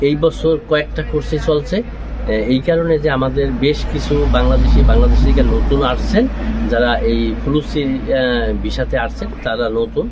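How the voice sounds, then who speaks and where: A man's voice: mid-range voice, fairly even intonation, normal speed. A middle-aged man with a Bangladeshi accent giving a hesitant interview statement as a school president. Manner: hesitant, repeating himself. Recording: clear ambient street-like noise.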